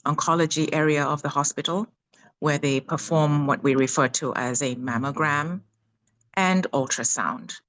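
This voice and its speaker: A woman in her fifties from Uganda, sharing her personal story on a video call from her phone, pausing often with fillers. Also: a bass voice, a bit bright, rough recording. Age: 50s. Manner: halting, many fillers. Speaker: guest speaker.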